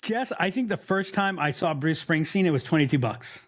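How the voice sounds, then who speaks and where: A man's voice: a little high, animated, a little fast. A man co-hosting a podcast in casual chat, blunt and joking, teasing his co-host.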